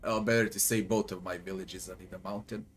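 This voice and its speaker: With a deep, steady voice and a brisk delivery, a gamer from Serbia mutters, swears and grumbles through casual commentary on his playthrough. His Serbian accent comes through, and game music sits faintly in the background.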